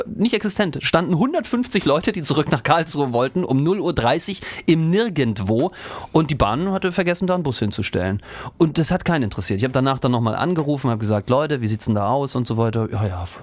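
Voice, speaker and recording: A man's voice: medium pitch, brisk, no echo. A man from eastern Germany, co-hosting a casual chat, telling annoyed stories with jokes. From East Germany. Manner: ranting, joking, lively storytelling. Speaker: podcast co-host.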